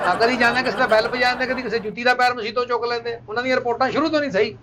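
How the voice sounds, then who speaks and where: A man with a Punjabi accent playing a milk shopkeeper in a village comedy sketch, hushing and wisecracking at a loud customer. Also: very high-pitched, fairly even intonation, rapid-fire.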